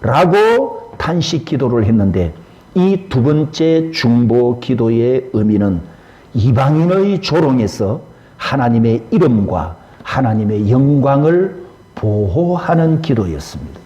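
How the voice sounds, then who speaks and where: A man's voice: mid-range voice, very animated, takes it slowly, warm tone, dull audio. A male pastor preaching a sermon, asking rhetorical questions and leading the congregation in reading aloud.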